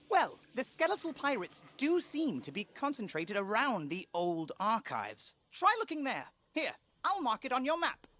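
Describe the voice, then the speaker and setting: High, bubbly game helper. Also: female voice, fairly bright tone. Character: chatty, playful, eager female wizard-world helper. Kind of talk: fantasy game voice acting.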